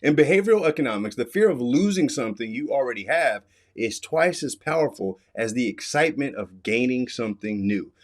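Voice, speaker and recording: With a medium-pitched voice, lively intonation, and a brisk pace, a middle-aged American man delivers expert explainer commentary. He stresses his points, teaches clearly, and restates crucial warnings.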